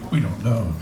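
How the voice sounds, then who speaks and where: A man's voice: on the low side, gravelly. A man who hosts a radio show emcees a political rally, casual and joking as he runs a prize drawing. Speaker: event emcee and radio host. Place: community hall at a rally. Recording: echoey hall, faint noise.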